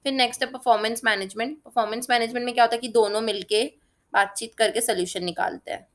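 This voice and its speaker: A woman's voice: on the high side, steady tone, quick pace. A woman tutor giving a casual spoken lesson, chatty and often checking that her students are following. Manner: chatty, keeps checking "theek hai?" and uses everyday examples. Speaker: exam-prep tutor.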